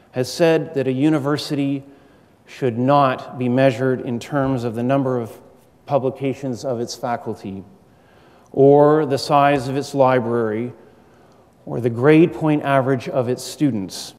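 A middle-aged man giving a prepared formal speech as a university lecturer, measured and earnest, with deliberate rhetorical pauses. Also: medium pitch, darkish tone. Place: large university auditorium stage. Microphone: gooseneck podium microphone. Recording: echoey hall with long reverb.

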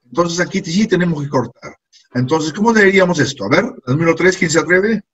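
Husky-voiced male teacher in a classroom. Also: a little high, lively intonation, fairly quick, muffled recording. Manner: patient, repeats phrases for students. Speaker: English teacher. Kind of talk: classroom lesson. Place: classroom with students.

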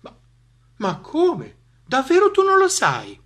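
A man voicing a small, clever, boastful male mouse in a storybook reading, in a high squeaky voice. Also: wildly swooping pitch, a bit bright, exaggerated voice. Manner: high squeaky, quick-witted, bragging.

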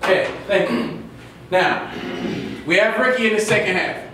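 A man coaching basketball gives an exhorting halftime pep speech, loud and often shouting, with short repeated commands. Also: sits high, moderate pace. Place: indoor locker room. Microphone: far camera. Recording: roomy, distant camera microphone with noise.

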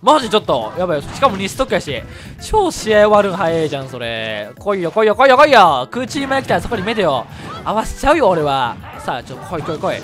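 Excitable Kansai man calling his game. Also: high-pitched, quick pace, few pauses. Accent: Kansai Japanese. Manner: excitable, shouts and laughs at big plays. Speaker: gameplay commentator. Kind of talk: live game commentary. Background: background music.

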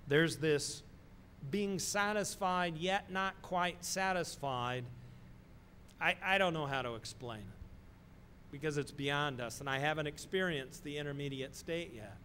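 A middle-aged man preaching a sermon in a slow, deliberate way, pausing often and stressing key words. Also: on the high side, sharp tone, a little hiss or hum. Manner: slow, deliberate delivery with pauses and emphatic stresses. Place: church sanctuary, speaking from a wooden pulpit.

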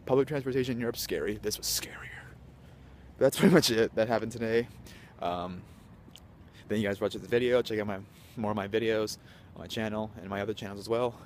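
Young dude vlogging outside at night, lowish voice, all hyped up, goes loud then whispery, faint street noise. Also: male voice, fast. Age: young adult. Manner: hyper, animated, swings between loud and whispering. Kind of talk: casual storytelling vlog. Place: outdoors on a city street at night. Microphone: handheld camera at arm's length.

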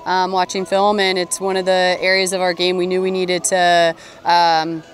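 A woman coach giving a postgame interview outdoors at a stadium, speaking into a handheld mic in a measured, upbeat way with frequent ums. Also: lowish voice, monotone, a little hiss or hum. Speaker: head coach. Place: outdoor stadium by a sports field. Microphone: handheld interview mic held in front.

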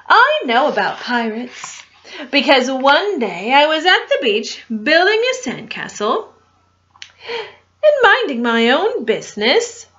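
Bright, lively woman reading a storybook. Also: high-pitched. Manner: animated, with questions and asides to young listeners. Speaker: storytime reader. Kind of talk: reading a picture book aloud to children. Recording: dull lo-fi recording.

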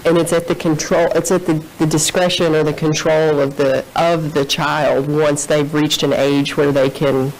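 A woman's voice: low voice, flat delivery, normal speed, hardly any pauses, a little mellow, poor audio. A woman in her thirties giving formal, careful testimony from a courtroom witness stand into a desk microphone.

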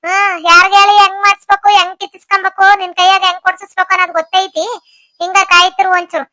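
A woman plays a defiant cartoon village woman who taunts and lectures her in-laws with a North Karnataka Kannada accent. Her voice is very high and bright, quick, and dry-sounding. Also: level tone, dry recording. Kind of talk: cartoon voice acting.

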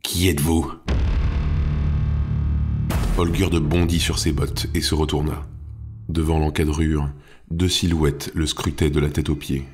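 A man narrating a fantasy thriller audiobook in a measured, dramatic way. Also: very deep voice, level tone, darkish tone, faint music behind.

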